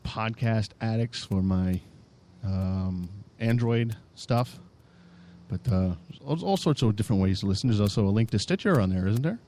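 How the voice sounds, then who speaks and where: A man co-hosts a metal podcast in loose, rambling chat with a joking edge. His voice sits a little low. A faint hiss runs behind him. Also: moderate pace, darkish tone. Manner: rambling, laid-back, joking. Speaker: podcast co-host. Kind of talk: casual chat.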